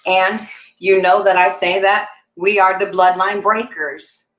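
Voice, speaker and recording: A woman's voice: mid-range voice, level tone, unhurried, a bit bright. A woman preaching a sermon, telling a personal family story in an earnest, emphatic way. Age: adult, has a child. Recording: echoey room.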